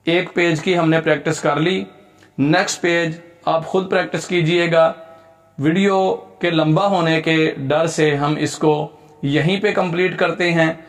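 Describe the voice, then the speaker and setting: High-voiced man teaching syllables slowly. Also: fairly even intonation. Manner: slow drawn-out recitation of each word, quick plain explanations. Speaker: Quran reading teacher. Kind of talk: spelling out Arabic syllables slowly for a lesson.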